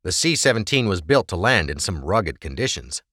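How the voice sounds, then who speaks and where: A man's voice: sits low, big pitch swings, normal speed, bright, forceful tone, no room sound. A man narrating an audiobook with a dramatic, varied delivery on a close microphone.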